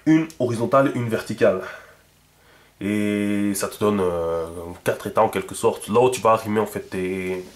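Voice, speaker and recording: A man explains a lesson in a loose, conversational way, stopping for fillers, repeating words and asking his listeners if they follow. His voice sits low. The recording is echoey, as if made in a bare room, and he sometimes drifts away from the mic. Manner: thinks aloud, many fillers and repeated words, checks in with listeners. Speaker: teacher.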